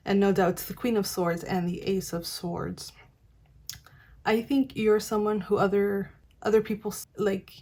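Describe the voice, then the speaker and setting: Breathy chatty woman reading tarot. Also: medium pitch, darkish tone. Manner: chatty, encouraging, many fillers. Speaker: tarot reader. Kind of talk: casual tarot reading to camera.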